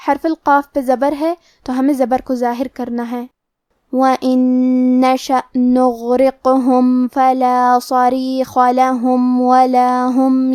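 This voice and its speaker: A woman teaching Quran recitation rules in a slow, measured lesson, spelling out each rule. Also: sits high, dark tone, no room sound, clean studio sound. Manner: slow, measured explanation with drawn-out demonstration words. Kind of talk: tajweed lesson, explaining rules in Urdu.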